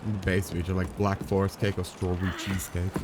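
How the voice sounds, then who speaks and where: A man's voice: sits low, completely flat delivery, a little fast, background noise. A young man live-streaming a game, chatting casually in a rambling way, swearing freely, with wry asides to his viewers.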